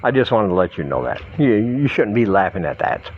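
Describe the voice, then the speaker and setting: A middle-aged American man from Michigan, slightly drunk, rambling through a halting, self-deprecating comic monologue as a vlogger. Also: fairly low pitch, sing-song, lo-fi sound, slight background noise. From Michigan, United States.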